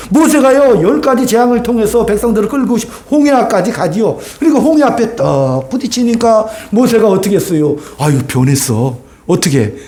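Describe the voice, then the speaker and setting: A male pastor preaching a sermon, acting out dialogue and asking the congregation questions. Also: high-pitched. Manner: animated, acts out dialogue, asks the congregation questions. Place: church sanctuary.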